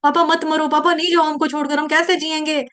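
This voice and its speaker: A woman's voice: sits high, level tone, a little fast, fairly bright tone. A woman acting out a young son tearfully begging his dying parent not to leave, within a devotional class story. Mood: pleading. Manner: pleading, tearful.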